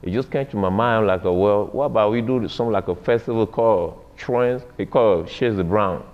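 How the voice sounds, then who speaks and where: Low-voiced man talking haltingly in hall. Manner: halting, informal. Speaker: business owner, festival founder. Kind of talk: casual talk. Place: community center room, seated. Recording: dull echoey hall recording.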